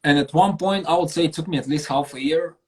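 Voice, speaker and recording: Telling stories as a casual interview guest, a man from Bulgaria who sings and performs on the street speaks fast in a slightly high, somewhat mellow voice. He's earnest and emphatic, using slang and some swearing.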